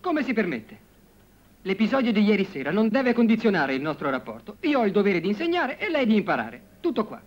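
A man's voice: high-pitched, wildly swooping pitch, brisk, muffled recording, heavily acted. An actor playing an earnest, flustered male Latin tutor with a formal manner in a film comedy. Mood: stern, formal.

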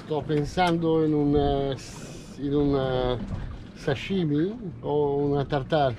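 A man's voice: a little high, steady tone, takes it slowly, background noise. A middle-aged man with an Italian accent, a chef talking casually about cooking fish, hesitant with many fillers, outdoors on a small boat at sea.

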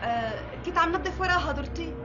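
An actress playing a resentful young Damascene wife who complains sharply in a period TV drama, with a Damascene Syrian accent. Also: female voice, extremely high pitch, expressive, quick pace, lo-fi sound, noisy background. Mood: coaxing. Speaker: first wife.

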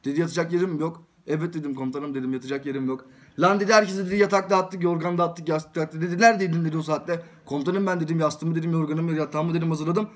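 Young man telling a rapid barracks tale. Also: fairly high pitch, steady tone. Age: young adult. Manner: storytelling, repeats "dedim" after every phrase. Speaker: soldier telling a story. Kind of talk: casual anecdote.

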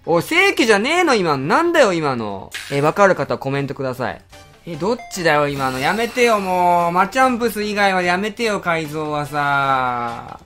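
A man hosting a game channel, giving live commentary with excitable exclaiming reactions and rapid grumbling. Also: a little high, faint music behind.

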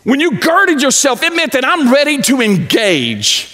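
A pastor in his forties preaching a sermon on a large church stage, pacing as he talks and swinging from loud to low. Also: huge pitch swings, a little slow. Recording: echoey church hall.

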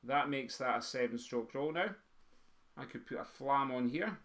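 A man leads a beginners' music writing lesson for pipe band drummers. He counts the beats out loud and sings the rhythms in drum syllables. Now and then he stops to quiz his students. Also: mid-range voice, moderate pace. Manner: quizzes the students. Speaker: drum teacher. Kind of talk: teaching a music theory lesson.

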